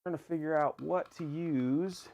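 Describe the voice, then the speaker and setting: A man's voice: a little high, measured pace, vocal fry. A man streaming live who thinks aloud and trails off mid-sentence, his voice muffled and distant as if heard through a wall from a closet. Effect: muffled and distant, as if talking through a wall from a closet away from the mic. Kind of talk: casual livestream chat. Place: tech closet away from his desk.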